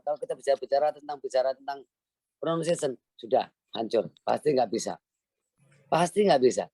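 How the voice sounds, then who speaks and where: A middle-aged man lectures students over a video call, earnest and exhorting, driving his points home by repeating them. His voice sits fairly high for a man, with a mellow, warm tone. The sound is close and dry, with no room around it. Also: no echo. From Central Java, Indonesia. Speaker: language village founder giving a lecture. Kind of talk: motivational online lecture.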